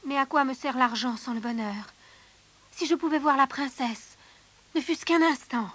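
A woman voicing an eager young male soldier in a storybook reading, talking in lively exclamations. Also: high voice, normal speed. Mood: wistful.

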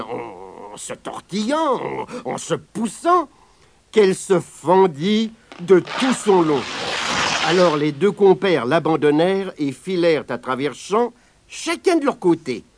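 A man reading a children's story aloud in an expressive, animated way. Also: high-pitched, takes it slowly, no room sound.

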